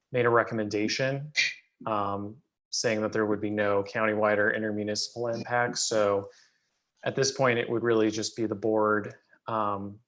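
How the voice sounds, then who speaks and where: A man's voice: fairly low pitch, fairly bright tone. A man speaking as a planning staffer, presenting applications at a public meeting in a matter-of-fact, procedural way. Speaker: city planning staff member.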